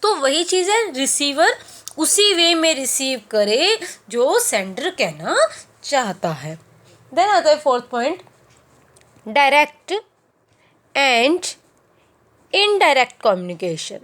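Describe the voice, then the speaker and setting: High-voiced woman teaching a lesson. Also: big pitch swings, a bit bright. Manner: explains by asking and answering her own questions; mixes in English terms, slows down on key phrases. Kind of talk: classroom lecture.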